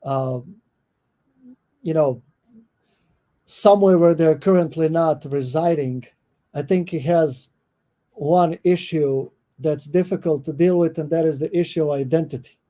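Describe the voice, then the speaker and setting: Interviewed as a guest on a podcast, a middle-aged Croatian professor replies with care, often hesitating with fillers and beginning again. His accent is Croatian, and his voice is fairly high and mellow.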